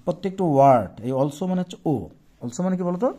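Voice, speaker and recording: A man's voice: a little high, expressive, warm tone. A man teaching a children's English lesson, explaining patiently and repeating and spelling out each word. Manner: slow, patient, repeats words and spells them out; mixes Bengali explanation with English phrases. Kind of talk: classroom lesson explaining a textbook page.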